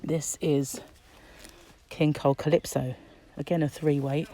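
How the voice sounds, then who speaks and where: Her voice is deep, warm and level, a little slow. A middle-aged British crochet vlogger, she wanders a shop aisle chatting and wondering aloud behind a face mask that dampens her speech, filming a casual shopping vlog on a handheld phone from behind the camera while shop ambience and other noise fill the background.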